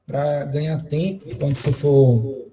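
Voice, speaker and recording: A man walks viewers through a software lesson step by step, checking in with them often. His voice is very dark and mellow. It also sits a little high for a man. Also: steady tone, a little slow, a little hiss or hum, poor audio. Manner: explanatory, checks in often with tag questions. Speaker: software instructor. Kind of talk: screen-recorded tutorial.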